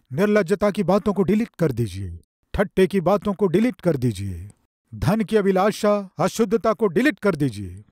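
A man in his forties preaching from a stage lectern, slow and emphatic, with repeated phrases and dramatic pauses. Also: high-pitched, darkish tone, no room sound, clean studio sound. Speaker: pastor. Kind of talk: sermon. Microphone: podium microphone.

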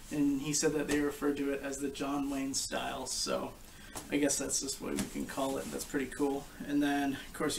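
A young adult man talks through gear in a casual review, explaining it informally and haltingly. His voice has a gravelly, creaky edge and sits slightly high for a man. It is picked up by a camera mic some way off, with faint noise in the room. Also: far from the mic, low-quality recording. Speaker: gas mask collector and reviewer. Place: living room couch, indoors. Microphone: camera a short distance away.

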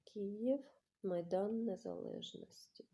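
A woman hosting her own channel, slowly reading out and musing over picture cards in a casual review, often dropping to a whisper. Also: mid-range voice, mellow. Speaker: tarot channel host. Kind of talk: casual card deck review.

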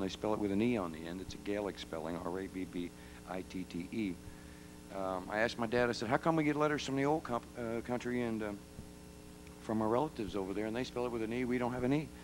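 A singer-songwriter trades folksy, teasing jokes with a live audience at a concert venue, talking to both the crowd and the kids. His voice is lowish, with background noise audible.

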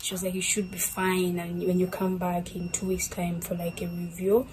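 A young adult woman from Zambia rambles casually to her camera indoors in her bedroom, dropping "like" constantly. She speaks in a fairly low monotone at an ordinary pace, and there's noise behind her.

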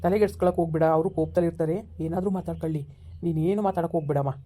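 A man playing a father who calms his upset daughter on the phone in an amateur village family drama. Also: on the high side, racing. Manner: soothing, reassuring.

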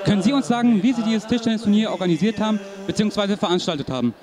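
A young man with a high-pitched voice talks very fast while reporting from a sports event in a large indoor hall. Using a handheld mic, he interviews boys in a formal, announcer-style way, offering religious greetings, while crowd chatter fills the big hall.

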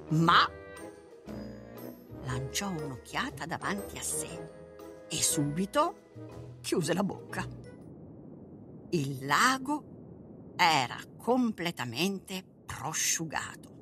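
Brief: woman storybook narrator, slow and lively in pitch, bright tone. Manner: expressive, unhurried reading.

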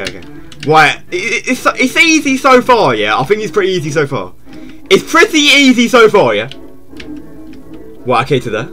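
A man chatting casually to viewers while he streams a game, jumpy and repeating himself. His voice sits a little high and swings widely in pitch. Faint game music plays behind him. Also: sharp tone. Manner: jumpy, repeats himself, yelps when startled. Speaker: live streamer. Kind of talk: casual live gameplay chat.

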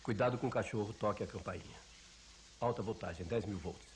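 A man's voice: fairly low pitch, brisk, slight background noise. A man dubbing a character in a film comedy, heard from a distance off an old VHS tape. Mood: deadpan. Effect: old VHS tape dub.

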